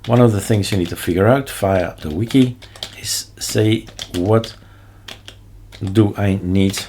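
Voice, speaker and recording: A man's voice: on the low side, measured pace, warm tone. A man from Belgium with a Belgian accent, a non-native English speaker, presenting a casual screencast tutorial in short choppy phrases with offhand asides. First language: not English. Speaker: tutorial host. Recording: noticeable background noise, keyboard clicks and typing. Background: keyboard typing and mouse clicks.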